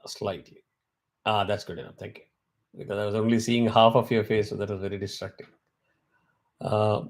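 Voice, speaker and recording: A man's voice: on the low side, darkish tone. A man teaching a weekly Vedic class over a video call. He explains step by step and asks his students questions.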